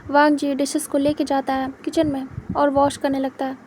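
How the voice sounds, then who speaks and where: A woman reads a fan fiction story aloud in a high, mellow voice. Her delivery is plain and steady, with little rise and fall. She narrates evenly from line to line. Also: normal speed, slight background noise.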